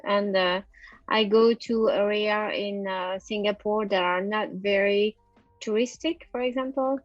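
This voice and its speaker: A middle-aged woman with a French accent talks in a relaxed interview, often pausing on fillers while she gathers her thoughts. Her voice sits at an ordinary pitch, recorded dry and a little dull, with faint music underneath. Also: dry recording. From France. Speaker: photographer guest. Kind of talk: casual interview over a call.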